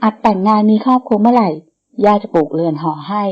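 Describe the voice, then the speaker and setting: A woman's voice: medium pitch, fast, dull audio, close to an everyday voice. Commanding old grandmother, read by a woman. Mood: stern. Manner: authoritative, scolding. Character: stern elderly grandmother, commanding matriarch.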